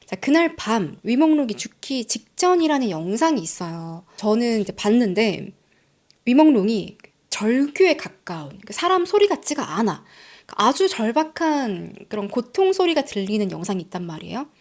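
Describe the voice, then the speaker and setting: A woman's voice: a little high, big pitch swings, moderate pace, darkish tone. A woman hosting a channel, telling a true-crime story in a conversational, dramatic way, sometimes dropping into a whisper for emphasis. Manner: conversational, addresses viewers directly. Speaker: channel host.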